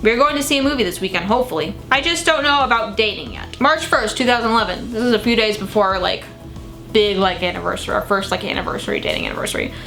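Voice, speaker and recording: Bright-voiced young woman, dramatically reading diaries. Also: medium pitch, fast, soft background music. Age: young adult. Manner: dramatic, gushing, exclaiming, with sweary asides. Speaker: vlogger. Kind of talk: reading old teenage diary entries aloud with casual commentary.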